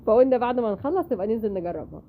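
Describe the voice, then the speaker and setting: A woman's voice: a little high, animated, very fast. A woman with an Egyptian accent chatting in a cooking vlog, confiding and acting out little dialogues. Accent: Egyptian Arabic. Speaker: vlogger. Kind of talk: casual cooking vlog chat. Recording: tinny phone-like sound, faint noise.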